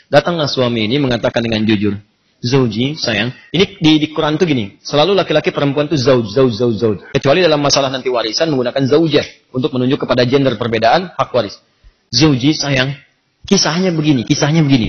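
Husky-voiced male preacher telling a story. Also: medium pitch, quick pace, highs cut off. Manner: animated, rhetorical questions to the audience. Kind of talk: sermon storytelling.

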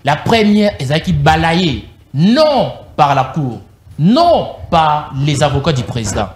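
A man's voice: on the high side, very animated, unhurried, reverberant. A young man speaking as a guest in a TV studio, arguing his point emphatically into a handheld mic. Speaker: political guest. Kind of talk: animated political argument.

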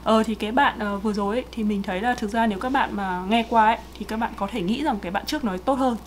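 A woman's voice: on the high side, fast, a little hiss or hum. A woman, co-hosting and giving casual, chatty feedback on pronunciation. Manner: chatty, explains at length. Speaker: co-host correcting pronunciation.

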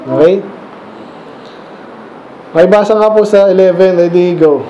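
A man with a Filipino accent gives a conversational Bible-teaching sermon in church, repeatedly checking in with rhetorical questions like "okay?" and "right?". His voice is high, unhurried and warm, recorded in an echoey church room with dull lo-fi sound and slight background noise.

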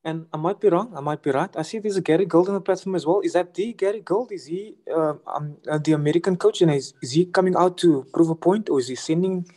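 Male reporter, Afrikaans accent, higher-pitched and quick, courteous questions over a video call. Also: warm tone. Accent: South African Afrikaans. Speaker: journalist. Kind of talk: asking questions at an online press conference.

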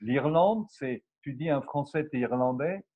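A man's voice: medium pitch, expressive, normal speed, breathy edge, phone-quality sound. A man with a French accent, a guest in a casual chat, friendly and encouraging, repeating his words.

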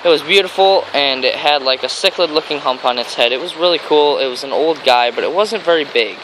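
An American man, a fishing vlogger, talks a little fast in a slightly high voice as he rambles excitedly through a casual video. He's outdoors on a grassy riverbank, recorded by a handheld camera mic amid stream and traffic noise.

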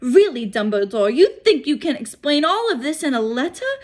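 A woman's voice: sing-song, moderate pace, darkish tone. A woman voicing an agitated, incredulous older witch professor in a storybook read-aloud, speaking emphatically. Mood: indignant. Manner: incredulous, emphatic, high-strung.

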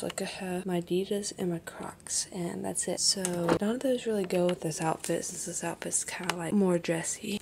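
Soft-whispering woman vlogging at home. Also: mid-range voice, creaky, background noise. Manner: hushed, half-whispered morning voice. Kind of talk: casual day-in-the-life vlog. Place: her bedroom at home.

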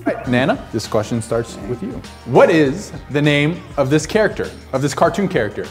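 A man's voice: fairly high pitch, very animated, moderate pace, soft background music. Upbeat young man hosting a quiz. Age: young adult. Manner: upbeat, laughs often, teasing. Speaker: show host, quizmaster. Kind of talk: energetic video-challenge hosting.

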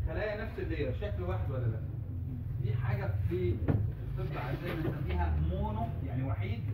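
A man with an Egyptian Arabic accent giving a classroom lecture, asking the class questions and answering them himself, repeating key terms slowly. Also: fairly high pitch, narrow, tinny audio. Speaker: medical lecturer. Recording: roomy, distant, noisy hall recording.

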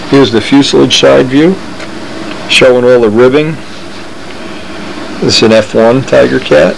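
Enthusiastic man rambling over a steady hum. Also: medium pitch, gravelly, low-quality recording. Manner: enthusiastic, rambling, thinking aloud. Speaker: model aircraft builder showing plans. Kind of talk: casual show-and-tell narration.

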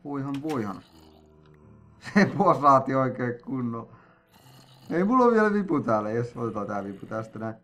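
A man at a desk microphone talking through his own gameplay as he goes. His voice sits at an ordinary middle pitch. He is excitable and jokey, with sudden yelps and playful sing-song noises. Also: long pauses, faint music behind. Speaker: gamer playing a player-made map. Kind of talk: let's-play commentary.

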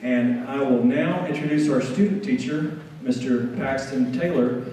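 A man's voice: mid-range voice, dark tone, distant mic, slight background noise. Man announcing in an echoey hall. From Alabama. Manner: rambling, halting with fillers and restarts. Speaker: band director. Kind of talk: concert stage announcement. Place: school auditorium.

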